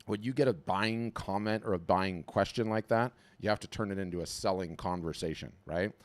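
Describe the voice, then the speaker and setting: A man hosting an online webinar, coaching artists in a casual, energetic way and often repeating words as he starts a thought. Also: sits low, fairly quick. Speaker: webinar host.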